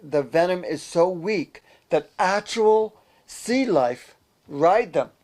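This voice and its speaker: A man co-hosting a comic animal news show, delivering jokes deadpan. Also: sits high, slow pace. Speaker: co-host. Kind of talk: joking news banter.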